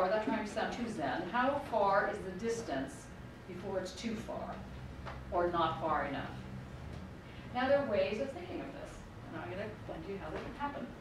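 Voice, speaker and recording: In a lecture room recorded from a distance, with echo and background noise, a middle-aged American woman speaks at normal speed in an animated, mid-range voice. As a professor, she keeps her lecture conversational and wry, repeatedly revisiting her points.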